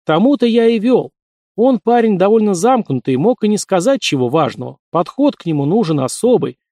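A brisk middle-aged hospital chief grumbles and gives orders, as a male narrator reads him. The pitch is a little raised. It is a dry, close recording. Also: sing-song, warm tone, no echo.

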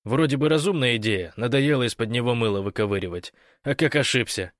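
A man voicing a wry young man who talks warmly and gently. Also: mid-range voice, fairly quick, no echo, studio quality, lightly acted. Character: young man, wry, tender with his wife.

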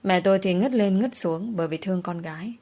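A woman's voice: medium pitch, brisk, dark tone. A woman narrating a first-person audiobook story with a mournful, emotional delivery.

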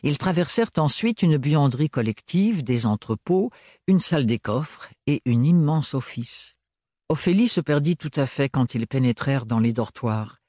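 A man reading a novel aloud as an audiobook in a measured, expressive storytelling manner. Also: mid-range voice, no echo, clean studio sound. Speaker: audiobook reader. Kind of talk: scripted audiobook narration.

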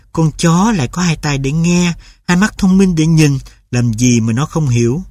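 Calm woman narrating a storybook. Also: low-pitched, no echo. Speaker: audiobook narrator.

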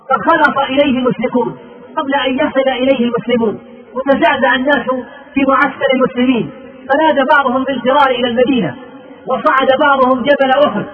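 A man giving a sermon as a preacher, telling the story with fervor and quoted speech. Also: very high-pitched. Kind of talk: sermon narrating early Islamic battle history. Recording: tinny phone-like recording.

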